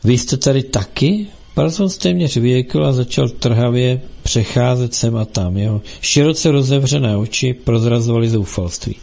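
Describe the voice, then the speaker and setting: A man narrating an audiobook in a steady, measured reading style. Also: mid-range voice, vocal fry.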